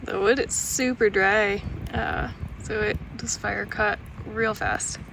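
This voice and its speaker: A woman's voice: mid-range voice, steady tone, takes it slowly, gravelly. A woman hosting a vlog, talking casually as she narrates, in a noisy on-location recording. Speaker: vlog host.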